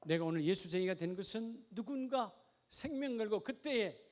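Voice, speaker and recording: Male pastor, high voice, lively question-and-answer sermon style. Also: moderate pace. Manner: lively preaching, asks the congregation questions. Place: church.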